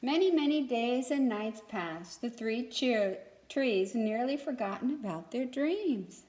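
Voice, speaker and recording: An expressive woman with a fairly high, darkish voice tells a children's story aloud. She regularly pauses to quiz the young listeners, and the recording carries an echo.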